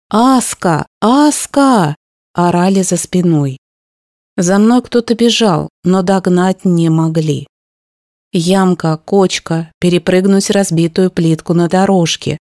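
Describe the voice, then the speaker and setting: A woman reading a first-person story aloud in a steady, even narration style. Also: on the low side, no echo, studio quality. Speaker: audiobook narrator.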